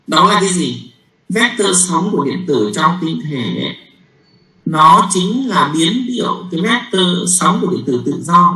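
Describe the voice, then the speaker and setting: A man giving a university physics lecture. He talks haltingly, with many fillers and repeated words, and keeps checking with the class. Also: on the high side, bright, forceful tone, roomy sound, rough recording.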